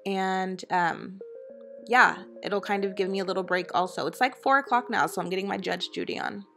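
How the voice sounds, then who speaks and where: A woman's voice: medium pitch, fairly even intonation, moderate pace, vocal fry, a bit bright, soft background music. A woman in her thirties, a mother, chatting casually to her viewers in a home voice-over. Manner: chatty, upbeat, talks straight to viewers. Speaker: vlogger, mother.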